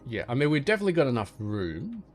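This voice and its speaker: Relaxed male gaming host, mid pitch, casual think-aloud commentary over quiet music. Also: quick pace. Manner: easygoing, thinking aloud, talks to game objects.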